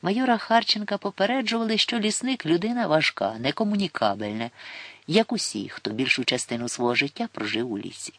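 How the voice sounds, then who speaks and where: A man's voice: on the high side, fairly quick, dry recording. A man narrating a novel as an audiobook reader, voicing the dialogue in character. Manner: lively storytelling with dialogue voiced in character. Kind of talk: scripted narration.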